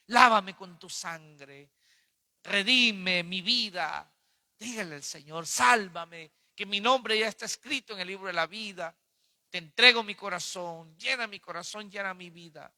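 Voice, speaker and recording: Pastor guy praying hard, gets loud then almost whispers, dry close sound. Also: sits high, no echo. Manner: fervent, swinging from loud pleas to near-whispers. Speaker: pastor teaching a Bible series. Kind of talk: sermon with prayer and altar call.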